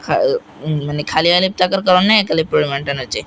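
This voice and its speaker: A man teaching Quran recitation, spelling out letters and vowel marks, then reciting each word slowly and repeating it. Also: fairly high pitch, a bit bright, slight background noise, low-quality recording. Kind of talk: step-by-step recitation lesson.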